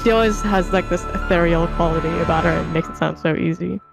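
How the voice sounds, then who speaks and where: A woman's voice: fairly low pitch, fairly even intonation, quick pace, gravelly, over music. A woman opera singer chatting casually as a guest, thoughtful and hesitant, with many fillers. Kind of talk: casual reaction chat.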